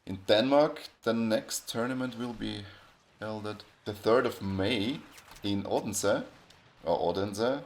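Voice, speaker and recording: Rambling low-voiced podcast host, man. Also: steady tone, measured pace, hardly any pauses, a little hiss or hum. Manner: rambling, frequent restarts and self-corrections. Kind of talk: casual podcast chat.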